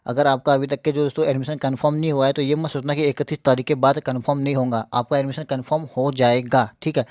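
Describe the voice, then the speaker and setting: A man's voice: medium pitch, darkish tone, no room sound. A young man hosting a casual screen-share tutorial, repeating points and reassuring viewers, slightly hampered by a mouth ulcer. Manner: repetitive, reassuring, keeps checking in with listeners. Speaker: YouTube tech channel host.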